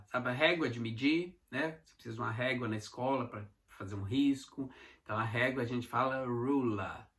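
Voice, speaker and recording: Bright-voiced Mineiro man teaching English. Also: medium pitch. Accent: Mineiro Brazilian Portuguese. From Minas Gerais, Brazil. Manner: slow, repeated pronunciation drills with frequent "tá?" check-ins. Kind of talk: online language lesson.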